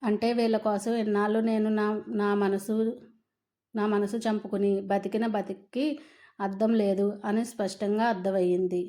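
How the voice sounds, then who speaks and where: A woman's voice: medium pitch, little pitch movement, unhurried, dark tone. Subdued woman narrating a sad story. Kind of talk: first-person story narration.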